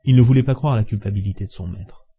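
A man reading a classic novel aloud as audiobook narration, measured and expressive. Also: on the low side, husky. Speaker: audiobook reader. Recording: dull lo-fi recording.

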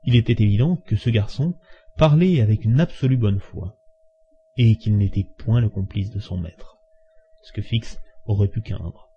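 A man reading a classic novel aloud as audiobook narration, measured and expressive. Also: lowish voice, slightly rough. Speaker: audiobook reader. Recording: dull lo-fi recording.

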